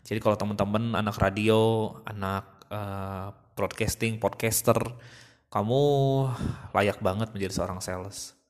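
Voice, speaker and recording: A man's voice: fairly low pitch, flat delivery, measured pace. A young man, hosting a casual podcast monologue in a chatty manner. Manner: chatty, imitates babies and others mid-talk.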